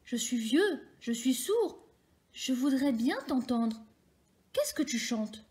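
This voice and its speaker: A woman voicing a sly old male fox who speaks slowly and flatteringly, sometimes dropping to a whisper. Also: high voice. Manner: slow, flattering, drops to a whisper.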